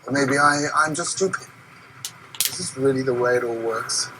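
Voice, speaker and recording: A man's voice: medium pitch, steady tone, normal speed, background noise, close to an everyday voice. Actor playing an anxious male scientist. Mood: troubled. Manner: hesitant, self-doubting, then grave.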